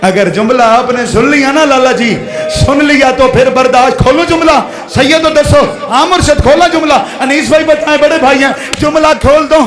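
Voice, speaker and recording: Man, Punjabi accent, very high voice, emotional wailing recitation, echoey hall. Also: normal speed. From Pakistan. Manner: emotional, calls out to the crowd, wailing cries. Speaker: zakir reciting at a majlis. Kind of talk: impassioned mourning recitation. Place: mourning gathering.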